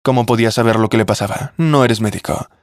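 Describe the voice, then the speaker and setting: A man's voice: on the low side, quick pace, no echo, clean studio sound, natural voice. A man voicing an awkward young consoler. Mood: consoling.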